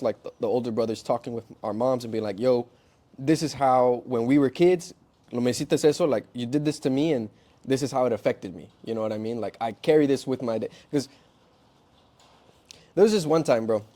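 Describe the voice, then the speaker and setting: A man's voice: mid-range voice, a little fast, warm tone. Man, podcast co-host, casual chat, candid, swears freely, mixes in Spanish. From Mexican-American family from Durango.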